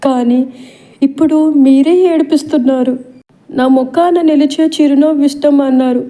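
A woman voicing a heartbroken young woman in an audiobook, speaking in a high, tearful, pleading voice. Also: fairly even intonation, moderate pace, mellow, close to an everyday voice. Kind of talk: audiobook role reading.

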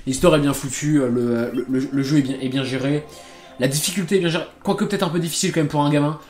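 A man's voice: a little high, fairly even intonation, quick pace, a little mellow, soft background music. A man casually commenting on a video game he is playing, rambling with lots of fillers, restarts and swearing. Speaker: gaming channel host. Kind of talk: casual let's play commentary.

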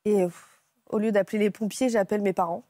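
A woman guest on a TV talk show, retelling a personal ordeal in a halting, emotional way, with frequent restarts. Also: medium pitch, fairly even intonation, warm tone, dry recording, clean studio sound. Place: TV studio set.

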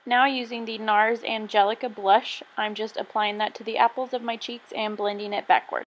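A woman's voice: fairly high pitch, flat delivery, normal speed, lo-fi sound. A young woman casually narrating her makeup tutorial in a chatty, self-deprecating way. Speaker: beauty vlogger.

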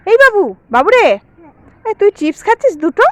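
High, lively woman teasing a child. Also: a little fast, dry recording. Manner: teasing, coaxing, animated. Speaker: vlogger. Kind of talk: playful home skit with a child.

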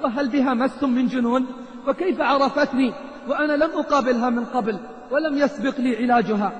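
A man's voice: extremely high pitch, fairly quick, dull audio. A man voicing a kind, astonished young woman doctor. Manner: astonished, disbelieving. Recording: echoey hall.

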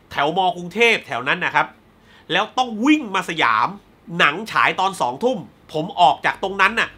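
Male film reviewer, casual spoiler recap, bright edgy tone, hot-tempered and profane, acts out the dialogue. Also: high-pitched. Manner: blunt, heated, swears freely then apologizes; retells scenes with quick acted-out dialogue. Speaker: movie reviewer.

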